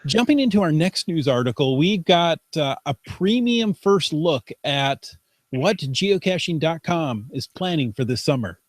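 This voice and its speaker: A man co-hosting a casual podcast, chatty and playful as he reads the news aloud. His pitch moves around a lot. The sound is dry and close, like a call recorded at home. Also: expressive, unhurried, no echo. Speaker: podcast co-host. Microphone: video call.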